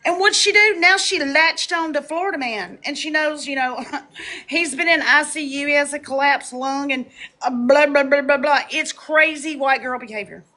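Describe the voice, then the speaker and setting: A young woman on a live stream, ranting and gossiping in a loud, profane way, with laughs and shouted lines. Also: high voice, moderate pace, rough recording. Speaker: livestreamer. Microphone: phone.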